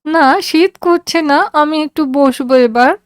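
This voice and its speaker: A woman voicing a sweet, playful, feverish seventeen-year-old girl in a high, childlike, drawn-out voice. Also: no room sound, studio quality.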